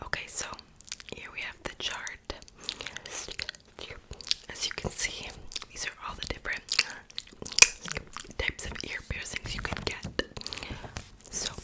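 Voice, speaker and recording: A woman's voice: takes it slowly, long pauses, low-quality recording. Woman in a whispered role-play. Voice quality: unvoiced, breathy whisper. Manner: soft, casual, chatty, reassuring. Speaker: ASMR creator playing a piercer.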